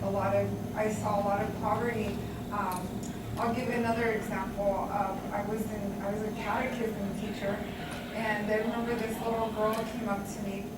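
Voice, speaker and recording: This woman panelist answers in a reflective, halting way, full of small fillers. She is from El Salvador. Her voice comes from a distance in a very echoey room, under heavy background noise. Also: mid-range voice.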